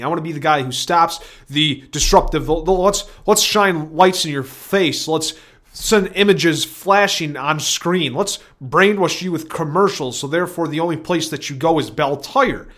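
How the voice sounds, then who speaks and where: A man talks alone on his own broadcast, free-associating in loops and asking himself question after question. His voice sits a little high for a man and lurches from near-shouts down to muttering, now and then drifting away from the mic. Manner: erratic, swings from shouting to mumbling. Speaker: solo broadcaster. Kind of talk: rambling stream-of-consciousness monologue.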